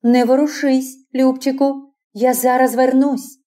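Woman doing a passionate young lover, bossy then begging, mellow voice, audiobook. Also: high-pitched, level tone, unhurried. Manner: pleading and imperious by turns.

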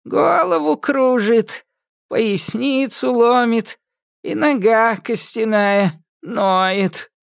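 A man voicing a grumpy, ancient witch with a creaky, shrill voice in an audiobook. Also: no echo, studio quality, heavily acted. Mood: complaining. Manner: cranky, complaining, quick to bristle. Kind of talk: audiobook character voice.

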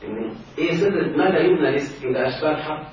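This Egyptian-accented Arabic grammar teacher has a slightly high, darkish, animated voice and talks very fast, constantly asking his class if they're following. The audio comes from a distant mic in a very echoey room, dull-sounding with a faint hiss.

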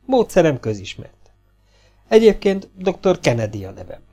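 A man's voice: a little high, sing-song, warm tone, faint music behind, voice pushed up. A man voicing a pompous, condescending young asylum doctor with a patronizing, self-satisfied manner. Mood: smug.

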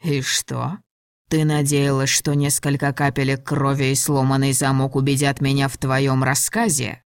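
A woman's voice: rumbling low, completely flat delivery, normal speed, clear, resonant tone, no room sound, clean studio sound, pitched below the performer's own voice. A woman voicing a cold, stern male dragon lord who gives icy, clipped commands. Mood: cold, angry.

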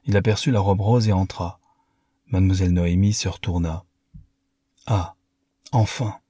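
A man narrates a classic novel in a measured, literary way. His voice is very low and husky, with a dark, mellow tone. The recording is dry and close. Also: steady tone, dry recording.

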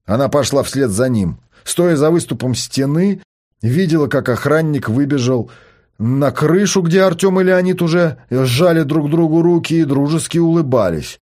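A man narrating an audiobook with lively, expressive storytelling. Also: a little high, moderate pace.

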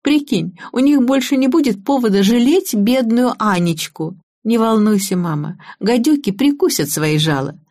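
A woman's voice: a little high, animated, normal speed, hardly any pauses, darkish tone, voice pushed up. A woman voicing a headstrong, cynical young woman who speaks bluntly and scornfully. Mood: gleeful.

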